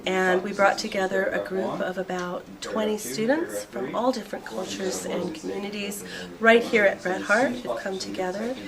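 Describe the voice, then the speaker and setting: A female teacher describing her summer class curriculum in a steady, measured way. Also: mid-range voice, gravelly. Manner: steady, measured, a few fillers. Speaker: teacher of deaf students. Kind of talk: explaining a program to camera. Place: busy school classroom. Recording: loud classroom chatter behind. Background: loud chatter of students.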